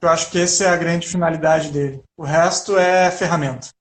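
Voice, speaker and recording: A man's voice: a little high, fairly even intonation, fairly quick. A man with a Brazilian Portuguese accent, co-hosting a video-call chat and speaking reflectively and earnestly about sacred music. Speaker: co-host, liturgical music educator. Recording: roomy video call audio.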